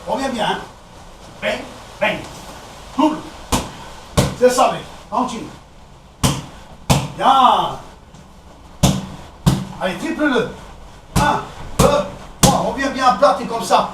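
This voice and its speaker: A man with a French accent coaching a boxing session, counting out combinations and calling out punches in short, brisk commands. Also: extremely high pitch, animated. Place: echoey boxing gym. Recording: echoey gym, distant camera, background noise.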